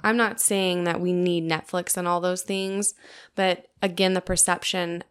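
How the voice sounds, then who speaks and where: A woman in her late twenties hosts a casual conversation podcast. Her slightly low voice comes across smooth and clean. She chats in an animated, rambling way, full of "like" fillers. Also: a little slow. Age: 20s. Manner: chatty and animated, with frequent "like" fillers. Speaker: podcast host.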